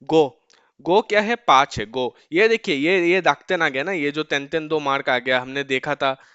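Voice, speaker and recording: A man teaching a beginner language lesson in a casual spoken style, often checking in with "okay" and slowing down to drill words. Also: a little high, pushed and bright, smooth, no room sound, dull audio. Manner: repeats "ठीक है" often, slows to drill numbers.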